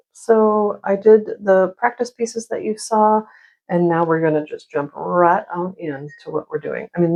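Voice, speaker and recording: A woman hosting a casual, chatty watercolor tutorial in a rambling, self-deprecating, slightly scattered way, with a slightly husky, creaky voice. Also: fairly low pitch, a little mellow, low-quality recording. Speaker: painting instructor.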